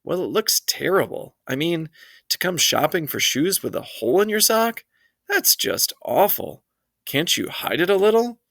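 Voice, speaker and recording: A man doing a fussing, easily embarrassed mother of two boys in a storybook reading, her voice lifted well above a low gravelly base. She frets and then turns firm, drawing out her words with care in a dry, close sound. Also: big pitch swings, a bit bright, dry recording, exaggerated voice. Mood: fretful. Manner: anxious, fussing, higher slower voice.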